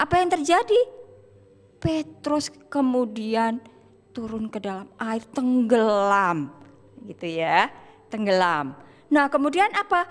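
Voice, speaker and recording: A woman teacher telling a Bible story to schoolchildren in a lively storytelling manner, with frequent "ya" tags and acted-out cries. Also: fairly high pitch. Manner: storytelling with many "ya" and "gitu, ya" tags, acting out cries. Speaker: teacher leading school worship. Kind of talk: children's Bible story sermon. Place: school hall. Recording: long hall reverb.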